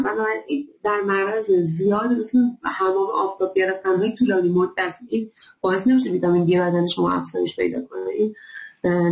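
Gravelly-voiced woman giving a health lecture. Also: mid-range voice, darkish tone, rough recording. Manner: explanatory, many filler pauses. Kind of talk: recorded health lecture with slides.

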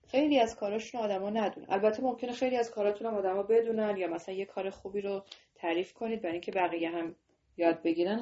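A woman's voice: mid-range voice, mellow, muffled recording, slight background noise. A woman teaching a religious lesson to children on a video call. She talks straight to her students and asks them questions. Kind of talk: online class to children.

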